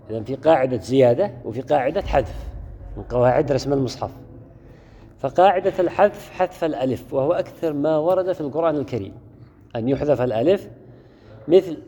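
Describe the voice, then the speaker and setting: A man with a warm, fairly high voice teaches a classroom lesson on Quran orthography, repeating key words and putting questions to his students. The recording is dull and lo-fi, made in a reverberant hall.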